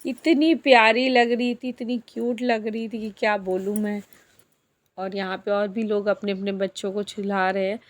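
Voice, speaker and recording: Talking straight to her viewers like friends, a woman narrates her outing in a chatty vlog. She has a mid-range voice, and her delivery is flat, at a normal speed.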